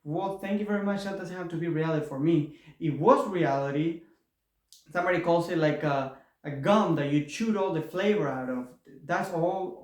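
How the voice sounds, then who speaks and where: Man, slightly high voice, earnest spiritual vlogger, echoey room. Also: a little mellow. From Argentina. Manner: earnest, repetitive, with rising enthusiasm. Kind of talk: motivational spiritual talk.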